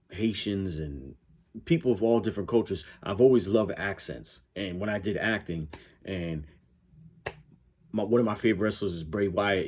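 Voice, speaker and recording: Low and darkish with a breathy edge, this man's voice carries a southwestern Connecticut accent much like New York's. He's a YouTube reaction host from Connecticut in the United States, offering loose, opinionated takes and stumbling over self-corrections as he rambles.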